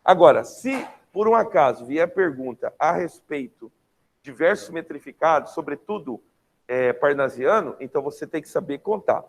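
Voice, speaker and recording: A young adult man with a Brazilian Portuguese accent, teaching an online class in a lively, slangy way, often checking in with his students. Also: fairly high pitch, moderate pace, gravelly.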